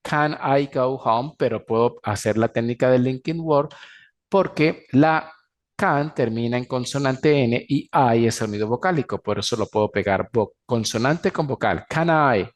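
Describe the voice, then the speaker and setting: A man teaching an English grammar class in Spanish, pronouncing the English example sentences slowly and clearly. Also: mid-range voice. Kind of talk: recorded class lecture.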